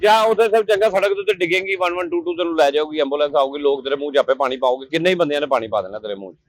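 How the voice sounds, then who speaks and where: A man playing a grumpy peanut seller in a comedy sketch, bickering loudly and shooing a customer away. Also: a little high, racing, no room sound, poor audio.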